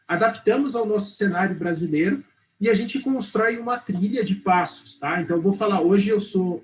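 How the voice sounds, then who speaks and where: A man's voice: high-pitched, rough recording. A middle-aged Brazilian man, a startup accelerator head, explaining fluently in a TV studio interview, tagging his sentences with "né" and "tá". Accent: Brazilian Portuguese. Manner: fluent, explanatory, frequent "né" and "tá" tags.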